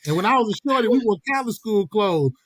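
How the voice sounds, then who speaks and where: A middle-aged man tells stories on a podcast. His voice sits a bit high for a man and comes across lively. The recording is close and dry, with no room sound. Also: quick pace, dry recording. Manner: animated, laughing, slips into quoted voices. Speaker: podcast host. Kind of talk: casual storytelling chat.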